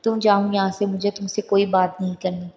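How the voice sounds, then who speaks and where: A woman reading the lines of a hurt, proud and defiant young wife in a flat, even voice. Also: mid-range voice, lightly acted.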